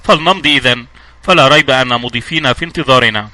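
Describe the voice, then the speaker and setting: A man's voice: medium pitch, quick pace, sharp tone. A man voicing a sturdy, jovial middle-aged man who talks like a generous host. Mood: hearty. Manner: hearty, hospitable.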